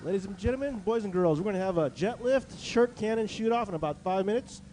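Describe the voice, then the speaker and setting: A man announcing to the crowd over a PA loudspeaker at an outdoor race venue, with loud, drawn-out calls. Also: high voice, expressive, a little hiss or hum. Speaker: event announcer. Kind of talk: public address announcing.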